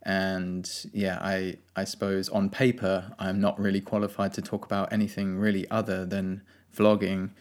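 Low-voiced guy doing a solo podcast, soft and earnest, lots of ums. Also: completely flat delivery, normal speed, hardly any pauses. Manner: soft-spoken, rambling, earnest, with many fillers. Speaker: podcast host.

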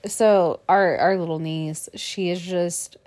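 A woman's voice: on the low side, steady tone, takes it slowly, a little mellow. A woman co-hosting a casual podcast chat with her husband, chatty, laughing often, full of fillers. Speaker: podcast co-host.

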